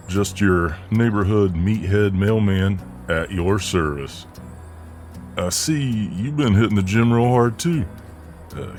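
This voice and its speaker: Using a lowish voice and a soothing, folksy drawl, a man performs an ASMR role-play as a cocky but friendly and protective Southern US mailman. Here the mood is cheerful and breezy.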